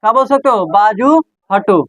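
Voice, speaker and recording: A man's voice: high voice, normal speed, a bit bright, no room sound, low-quality recording. A man teaching an English class in a classroom, drilling phrases over and over and putting questions to his students. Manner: repetitive call-and-response drilling, asks the class questions. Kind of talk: classroom lesson.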